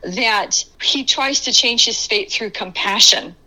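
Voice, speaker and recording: A woman's voice: fairly high pitch, slow pace, bright, forceful tone, low-quality recording. A middle-aged woman co-hosting a casual fan discussion podcast, enthusiastic and reflective as she leads the conversation. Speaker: podcast co-host.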